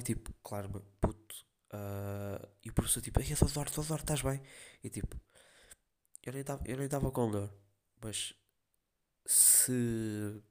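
On his podcast, a young man with a European Portuguese accent wanders through slangy, casual chat, leaning heavily on fillers as he tells stories. His voice is on the low side and a little mellow.

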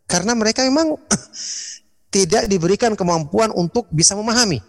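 High-voiced ustadz clearing his throat. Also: expressive, normal speed, in a large hall. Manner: frequent throat clearing, rhetorical questions. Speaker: Islamic teacher. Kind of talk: online religious lecture with Q&A.

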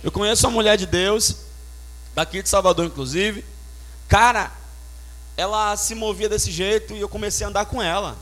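A man's voice: high voice, normal speed, pauses often, a bit bright. A man preaching a sermon, emphatic and storytelling with sound effects. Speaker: pastor.

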